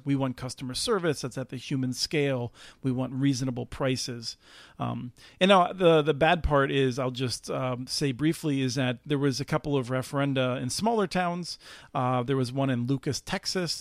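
Brief: eager mid-pitched man, podcast policy talk, dead-dry booth sound. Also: dry recording. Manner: enthusiastic, many restarts and laughs. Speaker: policy researcher guest. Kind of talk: casual podcast discussion.

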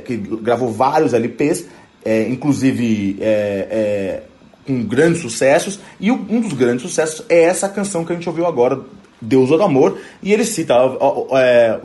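A man hosts a music program in easygoing commentary. His voice sits in a plain middle pitch. His talk is halting, full of restarts and repeated words as he searches for what to say. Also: darkish tone. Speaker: music show host. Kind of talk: casual radio music commentary.

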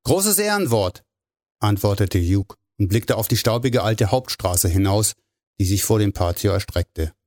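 A man narrating a novel in a measured storytelling way. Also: lowish voice, steady tone, a little mellow, no room sound, clean studio sound. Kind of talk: audiobook narration.

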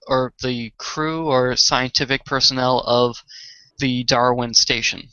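A man with a Boston accent co-hosting a podcast, explaining things in a slow, halting way with many fillers. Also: medium pitch, fairly even intonation, sharp tone, smooth, no room sound, highs cut off. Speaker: podcast co-host. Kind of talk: casual chat.

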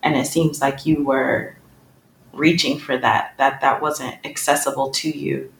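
A man's voice: mid-range voice, flat delivery, unhurried, a bit bright. A man interviewing a guest in a loose, conversational way, searching for his words and saying "like" often. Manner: loose, searching, heavy use of "like". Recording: roomy echo with faint background noise.

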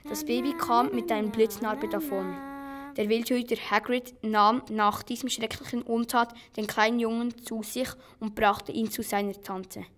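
A woman's voice: fairly high pitch, steady tone, normal speed. A woman reading out credits and narration in a plain read-aloud manner. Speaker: announcer and narrator. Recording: very hissy, clicky amateur recording.

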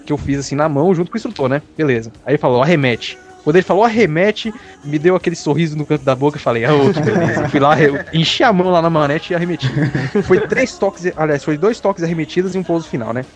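A man's voice: a little high, racing, faint music behind. A man in casual chat, easygoing, tagging a questioning word onto nearly every phrase. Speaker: student pilot, podcast guest.

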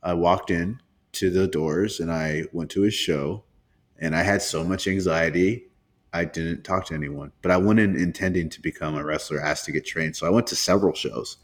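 Deep-voiced young man chatting casually. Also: moderate pace. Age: 20s. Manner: relaxed, chatty, frequent restarts. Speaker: podcast co-host. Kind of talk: casual sports chat.

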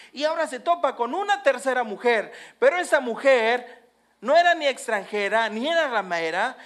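A preacher retelling a Bible story, swinging between loud emphatic bursts and hushed endings. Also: high-pitched. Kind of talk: storytelling sermon.

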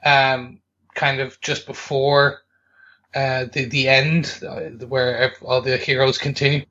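A man's voice: mid-range voice, level tone, takes it slowly, pushed and bright, highs cut off. A man co-hosting a podcast, reviewing a film in casual chat with frequent hesitations and restarts. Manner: hesitant, lots of ums and restarts. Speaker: podcast co-host.

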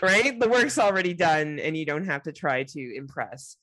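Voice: mid-range voice, very animated, normal speed, sharp tone, no room sound. Nasal, congested podcast co-host with a cold. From Canada. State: has a cold. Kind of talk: casual podcast chat.

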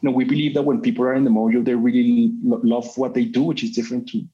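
Middle-aged executive from Colombia, rambling interview answers heavy on fillers, mid-pitched, dull-sounding recording. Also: male voice, level tone, fast, mellow. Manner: talkative, full of "you know" fillers and restarts. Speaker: company CEO. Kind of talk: business interview. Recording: slightly muffled sound.

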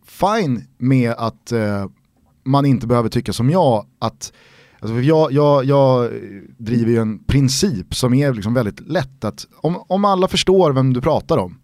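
A man hosting a podcast in casual chat, talking in animated, quick bursts. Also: medium pitch, no echo, clean studio sound. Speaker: podcast host.

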